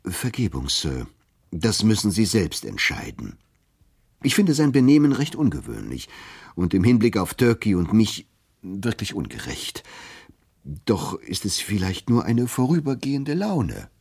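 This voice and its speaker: A man's voice: lowish voice, wildly swooping pitch, measured pace, creaky, a little mellow, breathy edge, full character voice. A man voicing a polite male copyist who speaks formally and deferentially.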